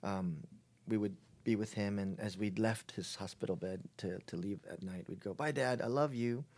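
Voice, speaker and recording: A middle-aged man speaks as an interview guest in an easy conversational way. His voice sits low, and he often stops and restarts his sentences as he thinks. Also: darkish tone. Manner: reflective, halting, with many fillers and restarts. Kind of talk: casual conversation.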